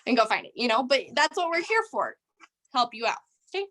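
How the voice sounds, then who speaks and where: A young woman with a slightly high voice leads a team training call in a casual, upbeat pep talk. She rambles and fills her sentences with "like" and "um". Her voice comes through a video call mic. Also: sing-song, brisk, fairly bright tone. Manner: rambling, chatty, heavy on "like" and "um".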